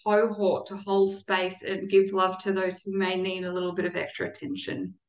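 A woman's voice: mid-range voice, normal speed. Earnest woman in an echoey room. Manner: earnest and reflective, with occasional laughs. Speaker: guest. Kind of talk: conversational interview.

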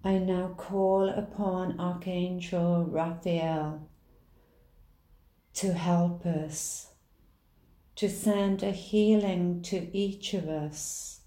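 Very slow, dark-voiced woman guiding meditation. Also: on the low side. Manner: soft, slow, soothing delivery. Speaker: meditation guide. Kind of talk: guided meditation. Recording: roomy echo.

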